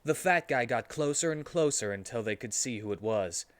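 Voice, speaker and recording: A streamer reads a story aloud in a mid-range, expressive voice at normal speed, narrating with mock-serious theatrical flair and delivering absurd lines completely straight. There's no echo.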